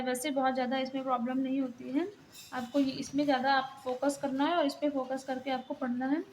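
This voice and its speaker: A woman's voice: high voice, slight background noise, low-quality recording. A young woman giving a casual exam-prep lesson, explaining plainly while pointing things out in a book.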